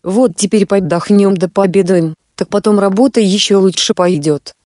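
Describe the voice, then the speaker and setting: A woman's voice: medium pitch, normal speed, dark tone, no room sound, natural voice. A woman voicing a weary old peasant father who fusses at his son in a read-aloud fairy tale, recorded dry. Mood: fussing.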